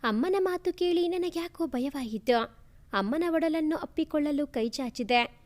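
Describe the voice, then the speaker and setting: A woman reading an emotional first-person family story aloud in a soft, feeling way. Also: sits high, unhurried.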